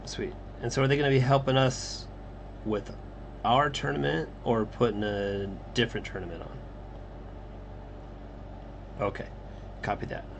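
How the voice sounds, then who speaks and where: Drawing comics on a casual livestream, a man speaks in a creaky, medium-pitched voice, talking haltingly and easily with co-hosts who can't be heard. Faint background noise is present.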